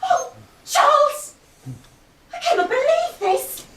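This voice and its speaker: An actress playing a fussy, indignant wife in a stage farce, theatrical and drawn out, recorded from far off in an echoey theatre. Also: female voice, very high-pitched, lively intonation, slow pace, fairly bright tone, full character voice. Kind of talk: amateur stage farce acting.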